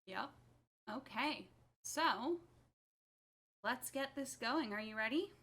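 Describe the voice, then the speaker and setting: A woman hosting a charity speedrun livestream, upbeat and brisk as she counts runners in. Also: a little high, animated, a bit bright. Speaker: speedathon event host.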